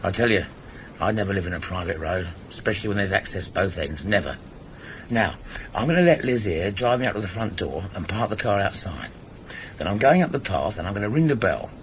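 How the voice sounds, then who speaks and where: In a noisy 1980s radio drama broadcast, an actor plays a wily, controlling, middle-aged English burglar, a father running a small gang, who gives firm, insistent instructions and repeats himself for emphasis. The naturalistic performance uses a low, animated voice at a slightly fast pace.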